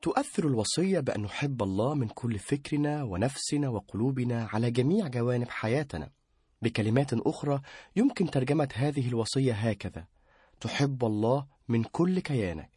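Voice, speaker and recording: Husky man explaining, dry sound. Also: medium pitch, animated, brisk, warm tone, dry recording. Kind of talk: formal explanation.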